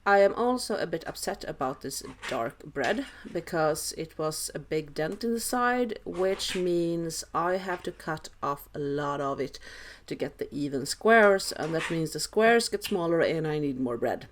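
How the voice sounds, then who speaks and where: A woman's voice: low-pitched, lively intonation, unhurried, a little hiss or hum. A woman with a Swedish accent giving a casual cooking tutorial voice-over with dry, self-deprecating humour. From Sweden. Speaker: home cook, host.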